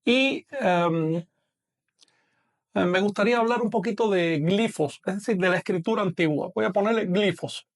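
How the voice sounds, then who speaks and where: This is an online language lesson led by a man whose voice sits fairly high. Patient and measured, he eases his pace way down whenever he demonstrates a sound.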